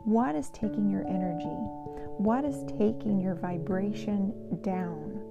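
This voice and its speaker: A woman giving a card reading straight to the listener, reflective and deliberate, phrase by phrase. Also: medium pitch, animated, creaky, muffled recording, loud music behind the voice. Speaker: host and intuitive card reader.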